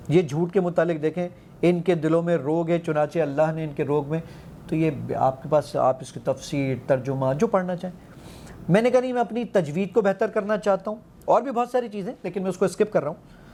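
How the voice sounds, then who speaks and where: A man's voice: on the high side, warm tone, slight background noise. A man, an app founder, eagerly demonstrating his app in an interview, quoting the commands he gives it and counting aloud.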